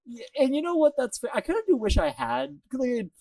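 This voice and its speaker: A man co-hosting a casual fan chat, excitable and gushing, recorded on a distant mic. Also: very high voice, vocal fry, no echo. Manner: excitable, gushing, quick talker. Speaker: podcast co-host.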